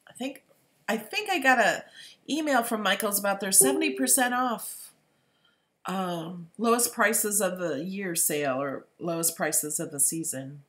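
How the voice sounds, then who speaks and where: A woman's voice: mid-range voice, measured pace, fairly bright tone. A woman hosting a live stream, talking casually and thinking aloud as she replies to viewers. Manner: chatty, informal, thinking aloud.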